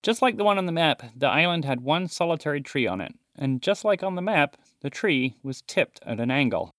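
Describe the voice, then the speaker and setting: A man calmly reading a children's storybook aloud. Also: fairly high pitch, a little fast, no echo, studio quality. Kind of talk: storybook narration.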